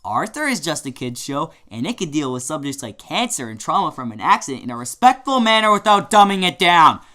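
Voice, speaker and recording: A woman's voice: deep voice, very animated, brisk, a bit bright. A woman co-hosting a comedic cartoon review, ranting and swearing. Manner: profane, ranting. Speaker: show co-host.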